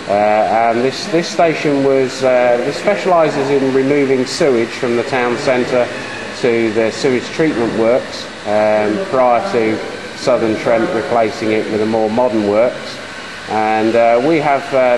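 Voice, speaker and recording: A man chatting in a rambling way as an amateur radio operator during a radio contact. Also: medium pitch. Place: working pumping station beam room. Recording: clear background noise from machinery room.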